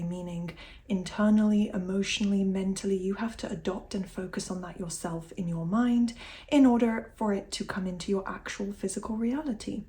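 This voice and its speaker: Mellow-voiced woman giving an ASMR talk. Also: mid-range voice. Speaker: ASMR video host. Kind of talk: soft-spoken ASMR motivational talk.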